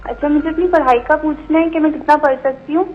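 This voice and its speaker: High-voiced woman caller over a landline phone. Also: steady tone, narrow, tinny audio, faint music behind. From Pakistan. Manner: polite, asks questions in short replies. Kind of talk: call-in question to an astrologer.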